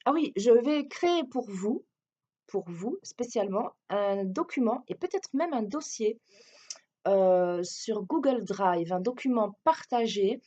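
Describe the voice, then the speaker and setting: A woman's voice: on the high side, a little mellow, highs cut off. A French woman who teaches French gives a hesitant, explanatory self-introduction with a French accent, often restarting her sentences. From France.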